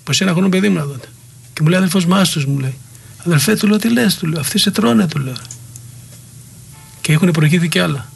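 A middle-aged man with a slightly high voice, recounting old stories as an interview guest. He rambles from one anecdote to the next and gets worked up, acting out what others said. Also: gravelly, pauses often, breathy edge. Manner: heated, rambling anecdotes with quoted dialogue. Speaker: guest, former wrestler. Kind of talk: interview storytelling.

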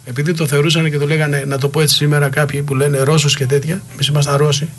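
A man's voice: fairly high pitch, flat delivery, soft background music. A middle-aged man, a former wrestler, being interviewed and telling rambling, heated anecdotes full of quoted dialogue. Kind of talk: interview storytelling.

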